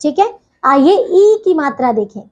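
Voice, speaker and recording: Very high-voiced woman teaching children. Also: big pitch swings, darkish tone, dull audio. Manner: patient, repeats a stock phrase of reassurance; slow, careful spelling out of sounds and examples. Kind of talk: recorded grammar lesson for children.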